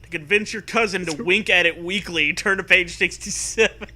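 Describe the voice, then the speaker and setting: Here a man with a high voice, speaking at a normal pace, brings a comedy story to life by acting out its dialogue, joking around, and swearing casually along the way.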